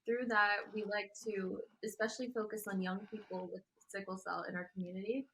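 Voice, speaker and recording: A young adult woman answering interview questions softly and a little shyly. Her voice has a mid-range pitch. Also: level tone, a little fast, a little hiss or hum, poor audio. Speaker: guest, young advocate.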